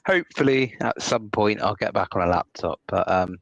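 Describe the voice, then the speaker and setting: A man's voice: on the low side, moderate pace, vocal fry, dry recording. A man with an English West Country accent chatting casually as co-host of a gaming podcast, recorded on a phone. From Somerset, England. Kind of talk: casual chat.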